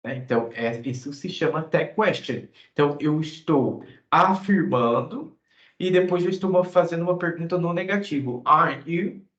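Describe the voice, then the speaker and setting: A Brazilian man with a Brazilian Portuguese accent walks through a grammar lesson and keeps checking in with his students. He acts out little dialogues, saying the English lines slowly. His voice sounds roomy and a little muffled. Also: on the high side. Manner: explains step by step, often checking with "né?" and "ok?"; acts out short example dialogues, reading English phrases slowly. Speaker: English teacher.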